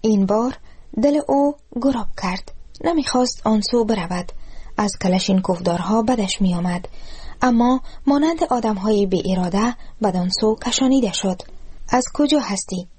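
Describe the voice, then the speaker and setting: A woman reading a literary short story aloud in a steady, measured way. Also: mid-range voice, slightly rough. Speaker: narrator.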